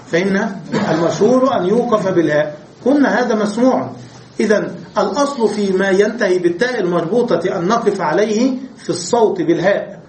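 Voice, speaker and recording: A man teaching Arabic grammar in a classroom lesson. He explains step by step and asks his students rhetorical questions. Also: high voice. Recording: echoey room with faint noise.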